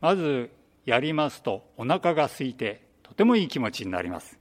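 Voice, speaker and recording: Calm man with hall reverb. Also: mid-range voice, normal speed. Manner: calm, hesitant with fillers. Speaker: reading club instructor. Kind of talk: interview answers. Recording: long reverb.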